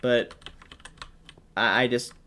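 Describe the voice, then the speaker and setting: A man's voice: mid-range voice, steady tone, slow pace, bright, forceful tone, clear, resonant tone. A man giving casual gameplay commentary at home, rambling with many fillers and restarts. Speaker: gaming commentator. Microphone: headset or desk mic while wearing headphones.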